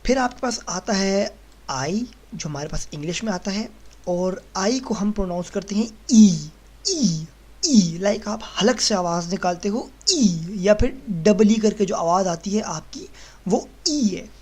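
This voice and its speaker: A man teaching German pronunciation in a slow lesson. He patiently explains each letter and says every sound several times while writing on a board. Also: high voice, animated, darkish tone. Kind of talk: slow lesson walking through the alphabet.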